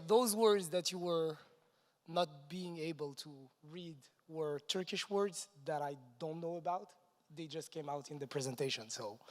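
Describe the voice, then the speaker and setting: A man from Morocco, giving an energetic stage presentation at a conference and chuckling between points. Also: on the high side. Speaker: conference speaker. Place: large conference hall stage. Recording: long reverb of a large hall.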